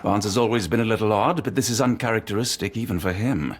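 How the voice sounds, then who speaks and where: An actor playing an earnest, courteous gentleman doctor, a loyal sidekick in a scripted game. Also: on the low side, fast, a little hiss or hum, lightly acted. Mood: puzzled.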